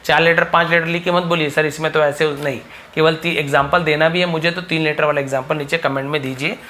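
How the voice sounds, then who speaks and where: A young man teaches English phonics in a spoken lesson at a board, with a voice pitched a little high. He stretches out and repeats each vowel sound to show how it should be pronounced. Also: steady tone, pushed and bright, a little hiss or hum. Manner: drawn-out phonics demonstrations, addresses viewers as sir-style students.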